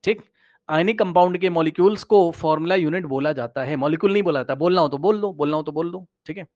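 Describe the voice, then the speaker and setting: Male chemistry teacher, fairly high voice, casual and repetitive, slightly muffled lo-fi recording. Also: fast talker. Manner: repeats key phrases, checks in with "है ना", "ठीक है"; often drops to a quieter voice while pointing at the screen. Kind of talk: casual classroom explanation.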